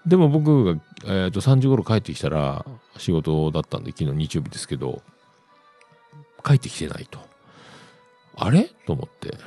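A man's voice: deep voice, animated, brisk, dark tone, soft background music. A middle-aged man, hosting a casual solo radio-style show in a rambling, chatty way with self-amused asides. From Yamaguchi, Japan. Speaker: podcast host.

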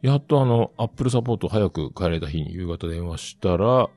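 A man with a hosts a casual solo podcast, rambling through a story and acting out the other people in it. His voice sits low, but it swoops around a lot. The recording is dry and close, with faint music underneath. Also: animated, normal speed, warm tone, no echo. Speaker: podcast host.

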